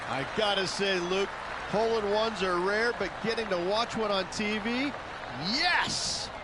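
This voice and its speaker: A man's voice: sits high, fairly even intonation, moderate pace, natural voice. A man giving enthusiastic colour commentary as an analyst in a golf video game. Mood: thrilled. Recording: faint crowd and outdoor noise.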